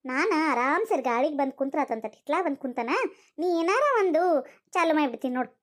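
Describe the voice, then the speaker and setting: A young unmarried cartoon daughter with a North Karnataka Kannada accent, voiced by a woman. She complains and talks back in a very high, girlish voice. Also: expressive, a little fast. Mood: annoyed. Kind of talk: cartoon voice acting.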